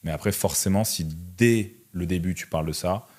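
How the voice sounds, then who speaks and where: With a very low, slightly mellow voice, this Russian man in his twenties talks briskly as an interview guest. He's an entrepreneur and online content creator, and he answers in a casual, conversational way, using slang and conversational tags.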